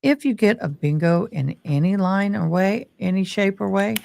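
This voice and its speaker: A woman's voice: medium pitch, normal speed, gravelly, a little mellow. A woman hosting a livestream, chatting casually and directly to her viewers in a folksy way. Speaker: livestream host. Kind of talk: casual livestream chat and commentary.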